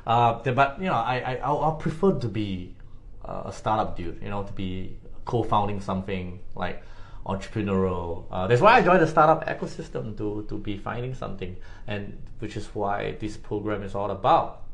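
A man's voice: on the low side, lively intonation, moderate pace, vocal fry. A man with a Singaporean accent co-hosting a podcast in a casual, conversational style. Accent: Singaporean (Singlish). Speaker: podcast co-host.

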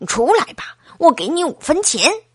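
A woman voicing a friendly young boy who speaks loudly and brightly. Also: very high voice, sing-song, normal speed, dry recording, clean studio sound, voice pushed up. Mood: bargaining.

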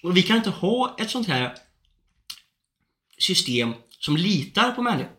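A young man talks in a casual chat, his voice bright and a touch higher than most. He tells his story with a lot of energy and swearing, acting out both sides of phone calls. The recording has a roomy echo. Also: very animated.

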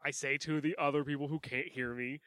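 A man playing a character in a tabletop game, talking casually with frequent halting restarts and stammers. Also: fairly high pitch, steady tone, a bit bright, no room sound. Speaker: player.

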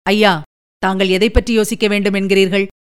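Calm young prince, woman doing the reading, unhurried and gentle, smooth voice. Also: mid-range voice, natural voice.

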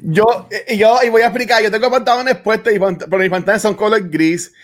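A man in a casual podcast chat, joking with quick interjections. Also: sits high, fairly even intonation.

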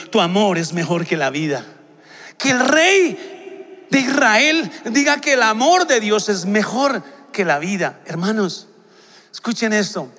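A man preaches to a youth gathering, his high voice ringing bright and forceful. He builds passionately and often breaks into shouts. The sound trails off in the long reverb of a large church hall. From Colombia. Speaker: pastor. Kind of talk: sermon to young people.

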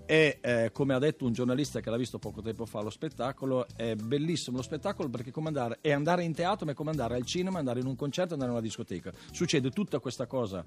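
A man's voice: medium pitch, expressive, fast, few pauses, faint music behind. A man chatting as a guest on a radio show, telling stories with frequent restarts and fillers. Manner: chatty storyteller, hesitant restarts. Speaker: guest performer. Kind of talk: casual radio chat. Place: radio studio.

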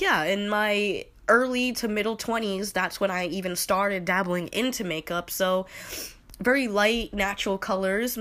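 Slightly nasal from a cold, a podcast host in her late twenties rambles through her opinions, full of fillers and restarts. Her voice is medium in pitch and a bit bright.

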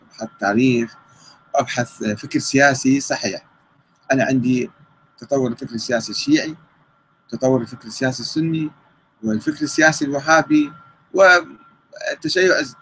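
Fast-talking Iraqi Arabic man. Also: medium pitch, a bit bright, slight background noise, poor audio. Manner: conversational, reads out questions then rebuts them. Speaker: writer answering viewer questions. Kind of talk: live Q&A talk.

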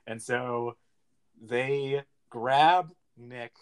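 A man's voice: mid-range voice, extremely slow, clear, resonant tone. A man co-hosting a casual film review podcast, retelling the plot with voiced quotes and frequent laughs. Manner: laughs often. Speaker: podcast co-host.

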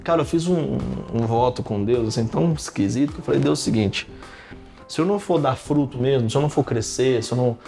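Gravelly and mid-range, the voice of a pastor in his thirties moves quickly as he spins animated stories in a casual podcast conversation. Faint music plays behind him, and "cara" and "né" come up again and again.

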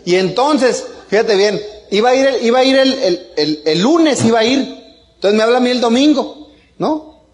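A man's voice: extremely high pitch, animated, moderate pace. Joking middle-aged man. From Mexico. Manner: joking, colloquial, tags lines with "¿no?" and "¿ah?". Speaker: speaker. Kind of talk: seminar storytelling talk.

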